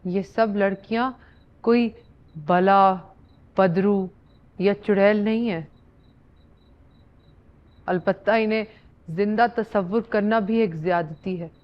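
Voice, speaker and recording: Actress as a solemn, ominous knower of secrets, very slow, dull lo-fi sound. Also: female voice, medium pitch, steady tone, close to an everyday voice. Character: grave woman who knows the dead girls' secret. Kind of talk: TV horror drama acting.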